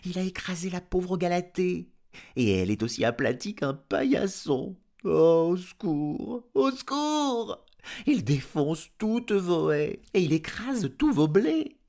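A man's voice: big pitch swings, slow pace, gravelly, a little mellow, full character voice. A man voicing a frightened, cheeky male farm dog who wails for help, reading a storybook aloud. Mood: panicked. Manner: shrill, wailing cries for help.

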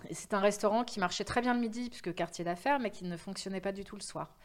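A woman's voice: medium pitch, quick pace. A woman in her fifties telling her career story in a casual interview, chatty and full of hesitations. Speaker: guest, event agency founder.

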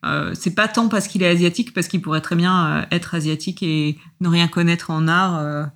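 A woman player talks through her choices in a tabletop game. She speaks casually, pausing often with fillers as she thinks aloud. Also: on the low side, fairly even intonation, a bit bright. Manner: hesitant, with many fillers.

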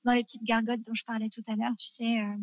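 A woman's voice: fairly high pitch, flat delivery, quick pace, no room sound, dull audio. Chatty enthusiastic woman, dry close sound. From France. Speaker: guest sharing food tips. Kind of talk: casual chat.

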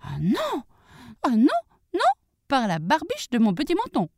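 A woman puts on a tiny storybook pig with a squeaky, piping voice that leaps far above her own. It is bouncy and lively, cheeky and clever, and recorded close and dry. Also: unhurried, dry recording, full character voice. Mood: pleading, defiant.

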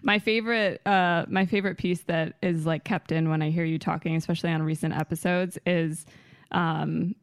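A woman's voice: fairly low pitch, steady tone, moderate pace, no room sound, clean studio sound. A young adult woman hosting a casual interview podcast, enthusiastic and full of "like" and "um". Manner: warm, enthusiastic, uses many fillers like "like" and "um". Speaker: podcast host.

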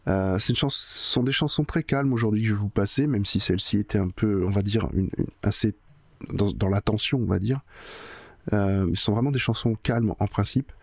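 Guy with a cold hosting his music show, lowish voice, lots of ums, dry close sound. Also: brisk, vocal fry, no room sound. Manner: hesitant, lots of filler sounds and restarts. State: voice deepened by a winter cold. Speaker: podcast host presenting music. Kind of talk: casual solo radio-style chat.

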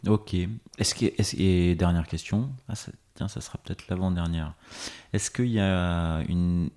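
A man hosting a podcast interview, asking questions in a relaxed, hesitant way. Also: sits low, measured pace. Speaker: podcast host.

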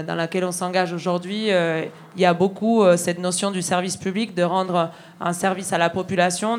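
A woman's voice: on the low side, a little hiss or hum. A woman from Argentina, a railway worker, speaking earnestly with lots of hesitations and restarts. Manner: many fillers and restarts, earnest. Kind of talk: hesitant spoken testimony.

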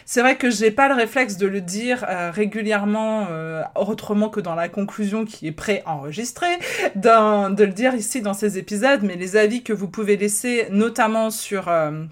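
A woman's voice: medium pitch, normal speed. A woman hosting a casual personal-development podcast, chatty, laughing often, with many fillers and restarts. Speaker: podcast host.

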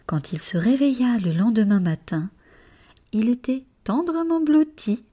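A woman narrating a bedtime story expressively, with hushed, whispered passages. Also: on the high side, sing-song, measured pace.

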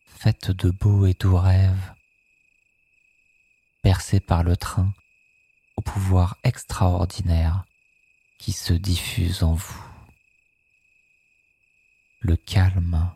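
A sleep meditation guide narrating guided hypnosis in a soothing, hushed manner, softly echoing some phrases. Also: deep voice, level tone, drawn-out words, pauses often, breathy edge.

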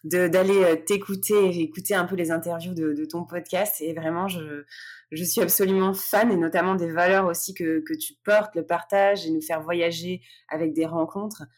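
A woman in her thirties hosting a podcast interview. Her voice sits slightly low, and she talks with many hesitations and small laughs. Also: steady tone, moderate pace. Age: 30s. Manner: hesitant, warm thanks with frequent laughs and fillers. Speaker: podcast host.

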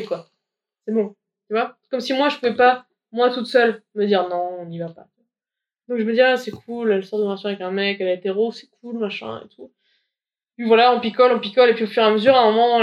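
A woman's voice: a little high, muffled recording. A woman telling her own story in the first person, frank and slangy, acting out the dialogue she remembers.

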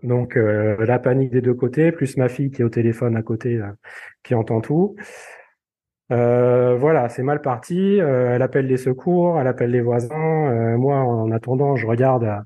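A man telling a personal story in casual conversation, halting and full of fillers and repeated words. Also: mid-range voice, mellow. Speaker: podcast guest.

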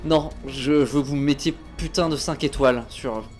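A man's voice: medium pitch, normal speed, darkish tone, soft background music, voice pushed down, natural voice. A man playing an aggressive, foul-mouthed armed robber who barks orders and repeats himself. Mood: menacing impatient.

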